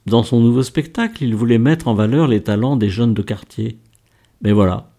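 Male narrator for a novel: gravelly, dark, steady storytelling. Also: medium pitch, normal speed. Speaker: audiobook narrator. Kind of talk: scripted narration.

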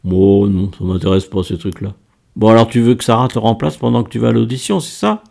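A man's voice: lowish voice, fairly quick, creaky, a little mellow. A man voicing a blunt, nosy young man who banters in casual slang, within a read-aloud story. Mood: teasing.

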